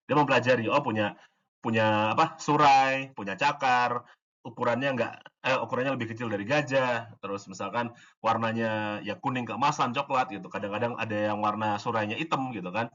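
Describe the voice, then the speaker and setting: Husky man explaining AI casually. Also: medium pitch, fairly bright tone, highs cut off. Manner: informal, many fillers and restarts, acts out dialogue examples. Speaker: AI course instructor.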